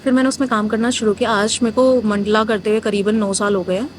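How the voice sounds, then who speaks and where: A woman's voice: mid-range voice, flat delivery, quick pace, a little hiss or hum. A young woman from northern India, a muralist, telling her story frankly in a casual interview, mixing Hindi with English. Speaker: muralist guest.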